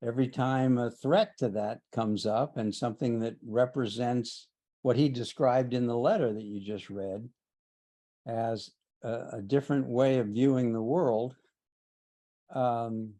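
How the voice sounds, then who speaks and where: A man on a video call speaking in a measured, reflective way with pauses. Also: mid-range voice, warm tone. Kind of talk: casual video call conversation.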